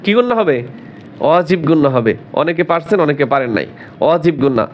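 A man teaching Quran recitation, spelling words out letter by letter, quizzing learners, and chanting verses slowly and drawn out. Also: a little high, expressive, highs cut off. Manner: drills letter by letter, asks learners questions, slow drawn-out chanting.

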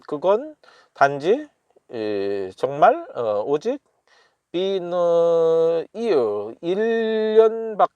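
A man talks his way through a study session, chuckling now and then and repeating short phrases again and again. His pitch rises and falls in a lively way and his pace is very slow. The sound is dry and close, with no room echo. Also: dull audio. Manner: chuckling, repeating phrases slowly and thinking aloud. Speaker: self-taught language learner. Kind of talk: casual study commentary.

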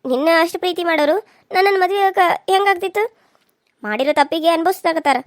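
A woman voicing a gentle, tearful young bride-to-be in a cartoon serial, speaking softly with a North Karnataka Kannada accent. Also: extremely high pitch, fast, no echo, clean studio sound. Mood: pleading. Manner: soft, pleading.

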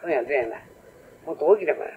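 A man's voice: a little high, lively intonation, very fast, slightly rough, voice pushed down. An older man voicing a naive young master turned pumpkin peddler, timid and muttering to himself. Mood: calling wares. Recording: old lo-fi recording.

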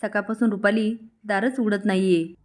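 A woman's voice: medium pitch, fairly even intonation, moderate pace, a little mellow, lightly acted. A woman voicing a worried elderly family patriarch in a plain reading voice.

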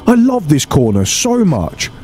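A man's voice: a little high, wildly swooping pitch, measured pace, mellow, soft background music. A man giving casual gameplay commentary, swearing freely and talking to the game's characters in bursts of exasperation. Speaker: let's play host.

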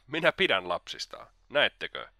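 A man's voice: fairly low pitch, very animated, gravelly, pushed and bright, no room sound, studio quality, exaggerated voice. Man voicing a sly drunken old libertine. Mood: mocking. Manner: mocking, slightly tipsy.

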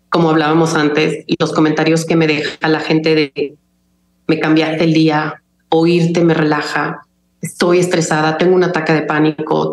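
Low-voiced calm woman from Mexico City. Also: reverberant. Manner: calm, measured, deliberate diction. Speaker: chef and recipe video creator, guest. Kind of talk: conversational interview.

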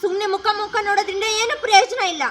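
A woman's voice: very high voice, rapid-fire, fairly bright tone, faint music behind. A young woman playing a stern, bossy interrogator. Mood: demanding. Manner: bossy, demanding, snapping orders. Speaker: amateur actor. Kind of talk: amateur street drama acting.

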